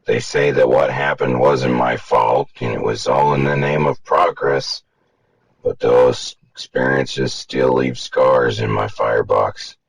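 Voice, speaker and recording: A man voicing a gruff, grandfatherly old male steam locomotive in an audio story, speaking in a slow, weighty, rueful way with a booming, gravelly voice. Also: fairly even intonation, no room sound, exaggerated voice, rough recording. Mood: somber. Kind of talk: audiobook character voice.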